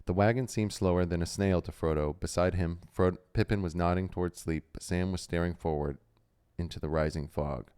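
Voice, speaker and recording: A man with a deep, smooth voice reads a novel aloud on a livestream. His reading is steady and storybook-like, broken by relaxed asides. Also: fairly quick. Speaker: book club host.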